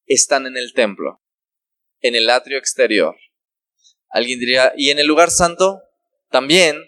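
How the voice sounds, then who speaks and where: A man's voice: medium pitch, a bit bright, no room sound. A man preaching a sermon who asks the congregation rhetorical questions and briefly acts out the voices of the people in his parable. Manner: acts out quoted dialogue in the parable.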